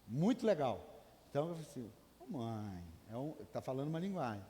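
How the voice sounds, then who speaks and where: A man preaching a sermon in a Brazilian Portuguese accent, swinging between loud calls and hushed asides and urging the congregation to answer back. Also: a little high, big pitch swings, fast talker. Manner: urges the congregation to respond aloud. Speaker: pastor. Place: church hall. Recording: long church hall reverb.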